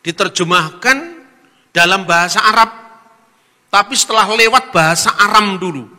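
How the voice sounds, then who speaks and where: Man, lecturing, tense bright voice, slightly high, long reverb. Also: normal speed. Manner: teacherly, asks himself questions and spells out letters. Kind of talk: explanatory lecture.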